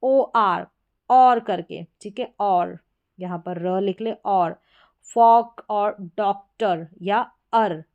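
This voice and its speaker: Smooth-voiced woman teaching English spelling. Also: medium pitch, extremely slow, muffled recording. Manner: steady explaining, repeats example words. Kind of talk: spoken lesson on spelling patterns.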